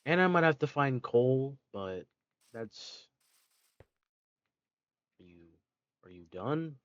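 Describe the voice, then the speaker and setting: A man's voice: medium pitch, sing-song, takes it slowly, highs cut off. A man giving casual gameplay commentary, rambling, correcting himself mid-sentence and dropping sarcastic asides. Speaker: let's play gamer.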